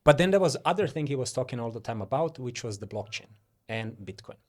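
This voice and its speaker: A man's voice: mid-range voice, lively intonation, fast talker, darkish tone. A Croatian-born man talking casually as an interview guest, with many fillers and restarts.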